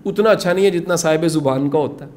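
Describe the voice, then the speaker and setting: A middle-aged Punjabi-accented motivational speaker teaches a course in an indoor classroom, urging participants earnestly and slipping in English phrases. His voice sits a little high for a man, with a darkish tone.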